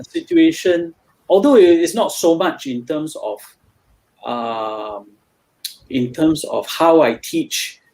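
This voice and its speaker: A man's voice: fairly high pitch, a little mellow. A man with a Singaporean English accent, a tutor being interviewed, talking in a hesitant way with many fillers and restarts. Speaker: guest tutor. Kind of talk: casual interview chat.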